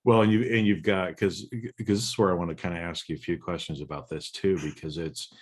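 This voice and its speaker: This man's voice sits low, steady in tone, fairly quick, and slightly rough. Hosting a podcast interview in a conversational style, he rambles through his questions and repeats himself as he shapes them.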